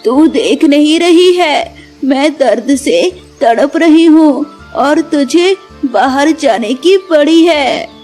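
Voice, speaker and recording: A woman's voice: high-pitched, animated, takes it slowly, a little mellow, faint music behind. A woman voicing a scheming, manipulative mother-in-law sparrow in a cartoon, with a scolding, dramatic way of talking.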